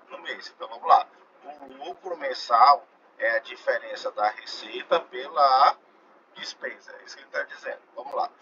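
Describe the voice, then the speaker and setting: A man's voice: on the high side, pushed and bright. Chatty male math teacher, lo-fi classroom. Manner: loose and chatty, many tag questions, slows down stressing key phrases. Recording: dull lo-fi classroom recording with faint noise.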